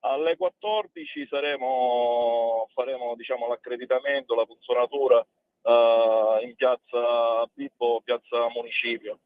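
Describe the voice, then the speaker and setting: A man calling in on speakerphone while driving, explaining plans in a halting, step-by-step way as an event organizer. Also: mid-range voice, steady tone, no room sound. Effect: on speakerphone over a phone line while driving. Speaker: phone-in guest, event organizer. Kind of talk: casual phone chat on radio. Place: in a car. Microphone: hands-free car speakerphone. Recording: dry, tinny phone line.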